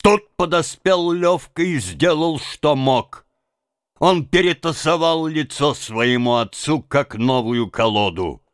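A man's voice: on the high side, takes it slowly, clear, resonant tone, no echo. A man narrating a story as an audiobook, with dramatic, rising and falling emphasis, on a close microphone.

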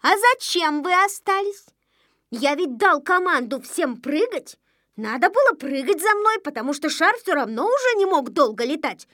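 A woman's voice: high-pitched, sing-song, moderate pace, bright, forceful tone, dry recording, studio quality, pitched above the performer's own voice, heavily acted. A woman reading a storybook aloud, voicing a clever, know-it-all little boy who reasons and lectures. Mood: reproachful.

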